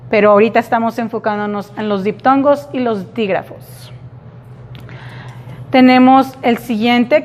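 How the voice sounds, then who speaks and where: A woman teaching an English class slowly, repeating example words for her students. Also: fairly high pitch. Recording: reverberant classroom.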